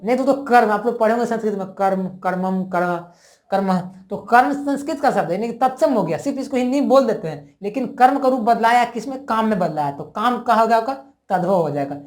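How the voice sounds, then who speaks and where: A woman's voice: fairly high pitch, animated, fast, a little mellow. A woman teaching a grammar lesson, who repeats each word and keeps asking her viewers questions.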